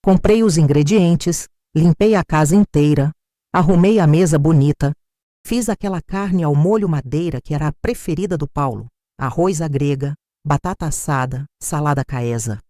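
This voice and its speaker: Older woman, Brazilian Portuguese accent, storyteller, measured and reflective, dry close sound. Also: sits low, mellow, no room sound. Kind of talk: first-person dramatic story narration.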